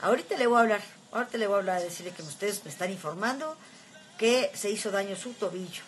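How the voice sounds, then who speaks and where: A woman's voice: mid-range voice, fast talker, soft background music. A Mexican woman in her fifties hosting a casual livestream, chatting affectionately and reading viewers' comments, with frequent filler words. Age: 50s. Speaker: livestream host.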